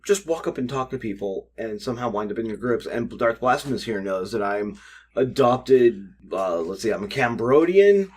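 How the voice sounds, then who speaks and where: A man's voice: medium pitch, lively intonation, normal speed, a little mellow, breathy edge. A man in his forties co-hosting an unscripted convention chat, telling rambling, jokey stories. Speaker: podcast co-host.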